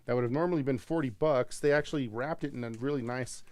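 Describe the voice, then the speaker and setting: A tired man hosting a live comic-book sale, cracking jokes and laughing between his picks. His pitch sits right in the middle, and his delivery is loose and casual, like easy talk with a friend. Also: fast talker, darkish tone. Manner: goofy, joking, laughs often. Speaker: co-host selling comics. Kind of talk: casual live-stream sales chat.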